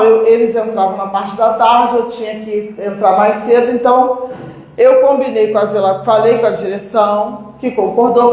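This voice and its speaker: A woman's voice: a little high, a little mellow. Middle-aged woman, conversational speaker who restarts sentences; very echoey hall. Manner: conversational, with many restarts and quoted dialogue. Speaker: speaker at a spiritist talk. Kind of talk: personal story told in a public talk.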